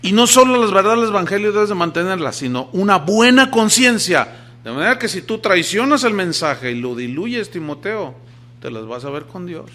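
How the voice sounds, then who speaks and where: Animated preacher, bold swings. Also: male voice, high-pitched, normal speed. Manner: lively preacher, shifts between loud emphasis and quiet asides, acts out quoted voices. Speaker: pastor. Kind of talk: sermon.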